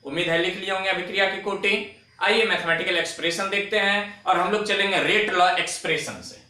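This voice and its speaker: A man teaching a chemistry lecture on video, dictating definitions slowly and repeating them word by word. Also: high voice, fairly even intonation, sharp tone, echoey room, distant mic, low-quality recording.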